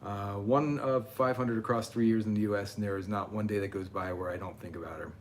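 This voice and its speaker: A man's voice: fairly low pitch, steady tone, brisk, a little hiss or hum. A man in his forties hosting a casual livestream, chatting and reading viewer comments aloud. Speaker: channel host.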